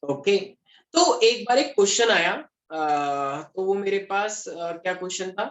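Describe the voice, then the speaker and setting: A man's voice: sits high, lively intonation, a little slow, a bit bright. Joking young male teacher, echoey classroom. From Delhi, India. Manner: joking, chatty, mixes English terms. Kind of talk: classroom lecture.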